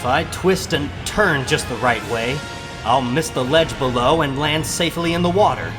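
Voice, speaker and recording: A man's voice: medium pitch, moderate pace, over music, natural voice, low-quality recording. A man playing a wisecracking young superhero, quippy and theatrical, in a dramatic comic book reading. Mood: cocky. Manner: quippy, self-narrating, theatrical. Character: wisecracking teenage male superhero, cocky but hard-luck.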